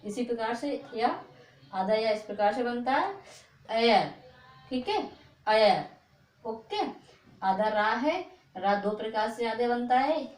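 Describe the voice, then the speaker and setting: A woman teaching a reading lesson, stretching out each word slowly and checking in with "okay" after each one. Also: a little high, darkish tone. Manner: slow, drawn-out repetition of words, frequent "ok" checks. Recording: echoey room.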